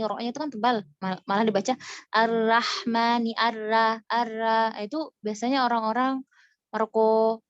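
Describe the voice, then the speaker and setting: A woman's voice: mid-range voice, darkish tone, no room sound, lo-fi sound. A woman teaching an online recitation lesson in a chatty way, often demonstrating right and wrong readings.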